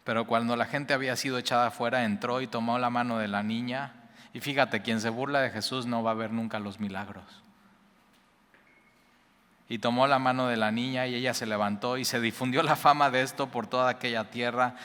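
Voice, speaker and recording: A man preaching a sermon, his voice bright and forceful. He talks straight to his listeners in a lively, conversational way, full of asides. The sound rings out with a long reverb. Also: mid-range voice, brisk, clean tone. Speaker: pastor. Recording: reverberant hall.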